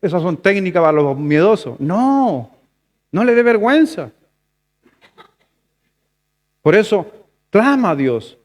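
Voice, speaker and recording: A male pastor with a Chilean Spanish accent preaching a sermon in a conversational way, rising to loud emphatic lines and dropping to soft asides. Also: high voice, big pitch swings, moderate pace.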